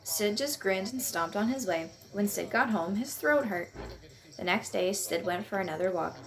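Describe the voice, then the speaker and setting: Gentle woman reading a picture book. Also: medium pitch, animated, moderate pace, noisy background. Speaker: storyteller. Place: at home on a couch.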